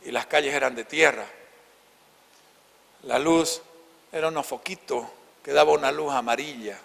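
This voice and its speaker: A man in his fifties with a Santa Cruz Bolivian accent, preaching a sermon and telling a childhood story, often dropping to soft, hushed tones. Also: medium pitch, moderate pace, gravelly, long reverb tail. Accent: Bolivian Spanish, Santa Cruz. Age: 50s. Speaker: pastor. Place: church hall.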